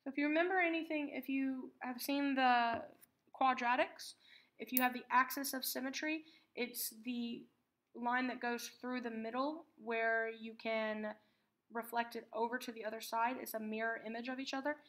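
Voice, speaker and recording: A woman teaching a math lesson, patiently explaining terms and repeating key words slowly for emphasis. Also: a little high, steady tone, fairly bright tone.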